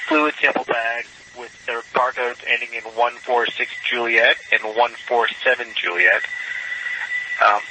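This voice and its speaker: A man speaking as an astronaut, making procedural reports over a hissy space-to-ground radio link. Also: medium pitch. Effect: crackly space radio link.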